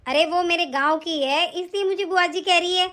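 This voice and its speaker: A scheming rich aunt in a cartoon barks short orders, voiced by a woman. She speaks in a lower register than the other figures, curt and commanding, with a scolding edge. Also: normal speed, a bit bright. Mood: bossy. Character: scheming wealthy middle-aged aunt, bossy mother-in-law. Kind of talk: cartoon voice acting.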